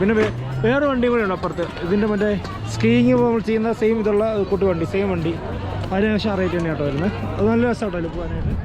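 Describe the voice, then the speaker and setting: A man casually narrating a travel vlog outdoors, mixing English words into Malayalam with enthusiastic slangy exclamations. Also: high voice. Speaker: travel vlogger. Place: outdoors at a cold mountain tourist valley.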